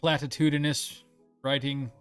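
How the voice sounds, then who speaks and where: A man voicing a cold, dismissive male robot critic while playing a video game, speaking slowly in a flat, clipped way. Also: mid-range voice, smooth, dry recording, soft background music, natural voice. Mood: mechanical. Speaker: let's play co-host.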